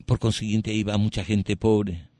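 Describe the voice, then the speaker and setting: A man's voice: on the low side, flat delivery, normal speed, warm tone, dry recording. Earnest man telling a testimony. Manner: earnest, restarts often, tags phrases with "¿no?". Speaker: speaker giving a testimony. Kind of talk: emotional personal testimony.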